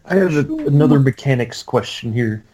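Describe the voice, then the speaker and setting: A man's voice: mid-range voice, animated, a little fast, crowd noise, poor audio. A man playing a tabletop game, talking through his character's choices and asking about rules. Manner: thoughtful, explains rules questions. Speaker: player. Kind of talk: casual tabletop game chat.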